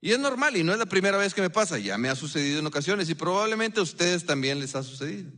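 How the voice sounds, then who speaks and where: A man preaching a sermon as pastor, earnest and conversational, often pausing and dropping into a hush. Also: sits high, sing-song. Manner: earnest, conversational preaching with frequent pauses and sudden hushed drops.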